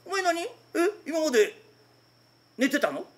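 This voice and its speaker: A rakugo storyteller voicing an idle, cheeky young master who lodges with a tradesman, telling stories in a lively, playful way. The show is staged in a former public bathhouse. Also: high-pitched, voice pushed up. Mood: startled. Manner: lively, quick, playful comic delivery. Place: former public bathhouse used as an event venue.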